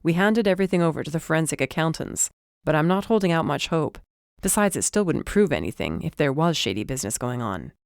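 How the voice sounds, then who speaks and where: A woman voicing a wry, deadpan male police detective in an audiobook. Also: low-pitched, fast, creaky, clean tone, no room sound, clean studio sound, heavily acted.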